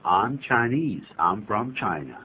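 A man's voice: lowish voice, big pitch swings, takes it slowly, a little hiss or hum. A man hosting a bilingual radio English lesson, explaining phrases and prompting his partner to repeat them. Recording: narrow lo-fi radio broadcast sound.

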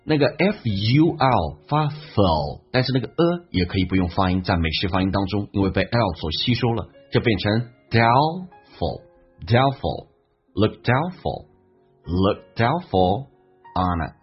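A man teaching English pronunciation and listening, explaining how words link and repeating phrases slowly as models. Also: low voice, lively intonation, breathy edge. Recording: dull lo-fi sound with faint background music.

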